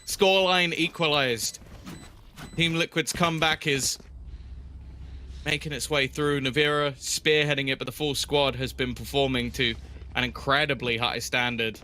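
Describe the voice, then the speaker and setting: A man's voice: medium pitch, steady tone, moderate pace, sharp tone. A man giving chatty colour commentary on an esports match, thinking aloud with frequent restarts. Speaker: esports analyst. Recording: broadcast with game noise behind.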